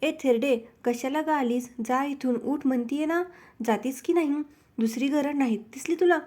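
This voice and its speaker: A woman's voice: high voice, normal speed, lightly acted. A woman voicing an arrogant queen who harshly orders someone away in a devotional storybook tale. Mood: contemptuous. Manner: shouting orders, contemptuous.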